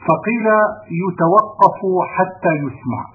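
A man reading a classical grammar text aloud in a steady recitation, sometimes correcting himself mid-word. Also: sits high, measured pace. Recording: tinny phone-like audio with faint hiss.

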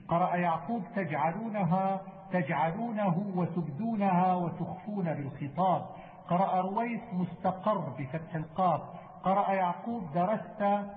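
Man, Quran recitation teacher, measured chanting of verse, long reverb, thin lo-fi audio. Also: high-pitched, a little hiss or hum. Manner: measured chanting of verse, then brisk itemized explanation. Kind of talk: chanting didactic verse and explaining readings. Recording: echoey hall, tinny phone-like sound.

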